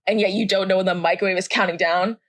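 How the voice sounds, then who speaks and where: Young woman, podcast co-host, heated profane rant, mid pitch, dry close mic. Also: steady tone, quick pace, a bit bright, dry recording. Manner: ranting, heated and profane, laughing at her own story. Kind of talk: casual chat.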